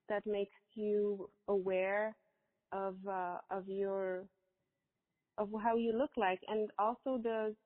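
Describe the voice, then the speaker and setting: A woman in her forties from Morocco, telling a personal story as a podcast guest in a halting, hesitant way. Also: mid-range voice. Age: 40s. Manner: halting, hesitant with many pauses. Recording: echoey, tinny phone-like line.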